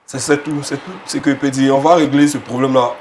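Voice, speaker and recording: A man's voice: medium pitch, fairly even intonation, fast, echoey room, a little hiss or hum. A man on a talk show, defending himself with stammering pleas. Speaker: pastor guest on a talk show.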